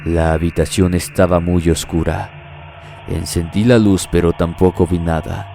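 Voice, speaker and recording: A man reading a horror story aloud as a scripted narration, in a slow, measured storytelling manner. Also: deep voice, level tone, vocal fry, dark tone. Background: faint music.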